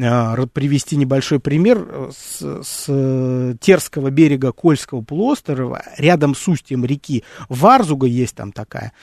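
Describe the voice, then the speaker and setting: A man's voice: on the high side, darkish tone, no echo. Man giving a rambling nature lesson, dry sound. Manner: thinks aloud with many fillers, restarts and rhetorical questions; addresses listeners as friends. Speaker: host of an educational nature series. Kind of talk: unscripted educational talk.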